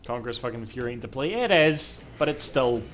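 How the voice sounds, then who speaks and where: A man's voice: mid-range voice, expressive, brisk, a bit bright, a little hiss or hum. A man giving casual, chatty live commentary as a game streamer, swearing freely.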